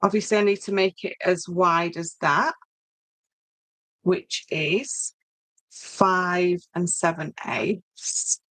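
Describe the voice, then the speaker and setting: A woman from Yorkshire in northern England hosts an informal craft demonstration, chatting to viewers and thinking aloud as she works. Her voice sits on the low side, a bit bright, and slow, with no room sound in the recording.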